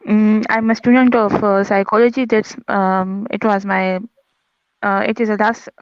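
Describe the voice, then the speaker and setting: A woman's voice: medium pitch, level tone, moderate pace, clean tone, dry recording. A woman in her twenties from Pakistan with a Pashto accent, speaking hesitant, nervous English as a second language. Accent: Pashto-influenced Pakistani. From Peshawar, Pakistan. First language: Pashto and Urdu. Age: 20s. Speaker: caller, university student. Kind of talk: casual conversation practice. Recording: dull, lo-fi call audio.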